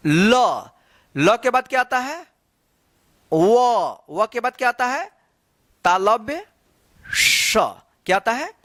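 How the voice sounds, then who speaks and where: Slow, lively Hindi teacher man. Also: extremely high pitch, dry recording. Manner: repetitive, quizzing; demonstrates sounds by repeating them. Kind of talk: slow classroom explanation.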